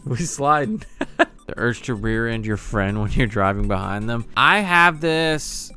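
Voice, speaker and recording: A man riffs sarcastically on memes for his channel, laughing often and swearing freely. His voice is bright and clean, with soft music playing underneath. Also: fairly low pitch, a little slow, clear, resonant tone. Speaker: channel host reacting to memes. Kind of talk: casual meme reaction commentary.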